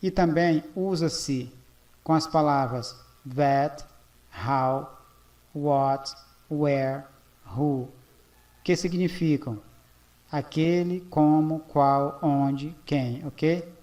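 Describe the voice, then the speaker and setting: A man from Brazil walks through a grammar lesson at a board. His voice sits a little high and he speaks slowly, checking in with "ok?" again and again. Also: steady tone, darkish tone. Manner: slow, repeats "ok?" often. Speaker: English teacher.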